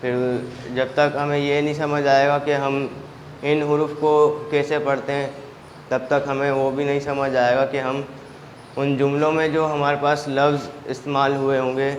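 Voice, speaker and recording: Male teacher from Pakistan for a children's reading class, drawn-out phonics, monotone, faint room hum behind. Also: mid-range voice. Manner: slow, drawn-out letter sounds with steady praise. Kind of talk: children's language lesson. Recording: echoey room, faint ambience.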